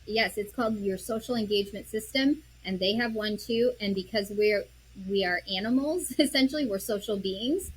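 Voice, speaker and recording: On an interview show, a woman guest earnestly explains how parents can respond calmly, often acting out the words she'd use with her child and illustrating points with examples and self-talk. Her medium-pitched, slightly rough voice runs at a moderate pace with few pauses, softening to a quiet tone when she models calm, on a low-quality recording.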